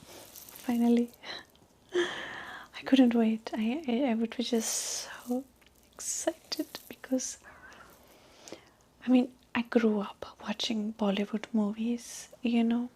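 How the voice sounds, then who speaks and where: A gossipy young Indian woman with an Indian accent murmurs in a soft, breathy whisper on a marriage date, as a woman acts her out for ASMR. She rambles and brags in a mellow, flat tone that sits fairly high. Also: slow, pauses often. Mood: boastful whisper.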